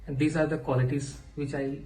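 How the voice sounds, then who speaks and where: A man's voice: fairly high pitch, little pitch movement, fairly quick, darkish tone, faint music behind. A man giving a simple, sincere fan testimonial. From India. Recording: roomy echo.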